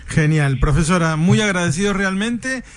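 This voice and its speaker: A man's voice: high-pitched, lively intonation, normal speed. A man, hosting a radio interview in a friendly, courteous way. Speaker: radio host.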